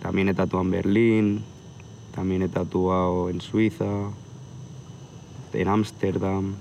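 Interviewed outdoors at a hilltop viewpoint at sunset, a man of about thirty from near Barcelona, Spain, a tattoo artist, chats casually, relaxed and rambling with hesitations. His voice is low-pitched, slow and creaky, with crickets, outdoor ambience and slight background noise.

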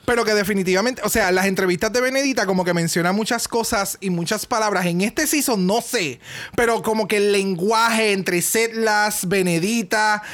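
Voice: mid-range voice, moderate pace, fairly bright tone, a little hiss or hum. Voz puertorriqueña brillante y parlanchina. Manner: chatty, mixes in English phrases. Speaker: podcast co-host. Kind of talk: casual chat.

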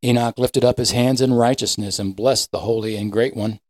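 A man narrating a scripted story with a measured, steady delivery. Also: medium pitch, dry recording.

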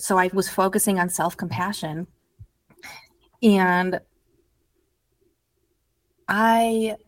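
Earnest woman telling her story. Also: mid-range voice. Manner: earnest, storytelling, heavy use of "like". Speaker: guest, addiction recovery coach. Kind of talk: casual podcast interview.

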